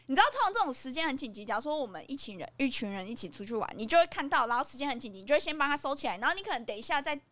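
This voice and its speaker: A woman's voice: high voice, sing-song, very fast, hardly any pauses, fairly bright tone. A woman with a Taiwanese Mandarin accent, co-hosting a casual podcast chat and telling a story animatedly, acting out the lines she quotes. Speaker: podcast co-host.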